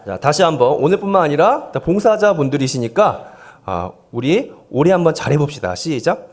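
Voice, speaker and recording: Slight background noise sits under a man's somewhat high voice, which swings widely in pitch at a normal speed. He is a pastor in his forties with a handheld mic at the church pulpit, running a volunteer seminar as a playful sermon with audience games, jokes, coaxing, and self-deprecating asides.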